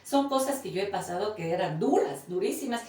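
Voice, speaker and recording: A woman's voice: mid-range voice, lively intonation, brisk, warm tone. A woman from Ecuador, a daughter caring for her mother, telling her story in an earnest, emotional way in a casual conversation. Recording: roomy, distant mic with faint noise.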